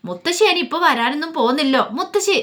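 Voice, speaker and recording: A woman's voice: sits high, expressive, racing, pushed and bright, voice pushed up. A woman voicing an eager young girl, a little sister, who asks curious questions in a raised voice.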